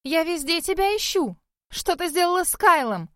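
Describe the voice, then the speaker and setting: A woman narrator puts on a spoiled, furious young woman with a shrill, high voice. She snaps and sneers at everyone. The reading is dry and close. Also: animated, moderate pace, no room sound. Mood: angry, scornful. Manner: shrill, snapping, contemptuous.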